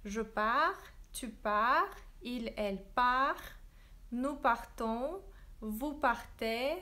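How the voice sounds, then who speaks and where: A woman teaching French in a livestream, drilling verb forms slowly and switching into English to explain. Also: on the high side, sharp tone. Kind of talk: livestreamed language lesson. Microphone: phone livestream.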